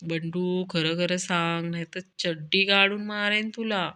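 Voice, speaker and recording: A woman reading the lines of a stern male village schoolteacher who quizzes his pupils in a brisk questioning tone. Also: lowish voice, little pitch movement, bright, forceful tone, clear, resonant tone. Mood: quizzing.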